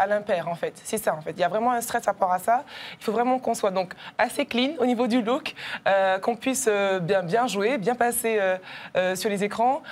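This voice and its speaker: A woman, an athlete guest on a TV show, answering in a measured, hesitant way. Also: medium pitch.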